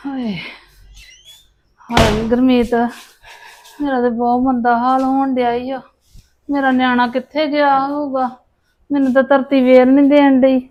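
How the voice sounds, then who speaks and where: A woman's voice: sits high, little pitch movement, measured pace, long pauses, lo-fi sound, a little hiss or hum. A woman playing an anxious grandmother lamenting her missing grandson in a family drama. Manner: fretful, lamenting.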